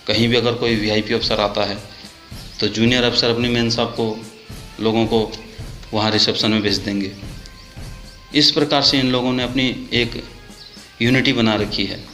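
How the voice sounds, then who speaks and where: A man's voice: medium pitch, pushed and bright. A man, a soldier, delivering an indignant protest monologue full of rhetorical questions. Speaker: soldier speaking out. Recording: echoey room with faint music.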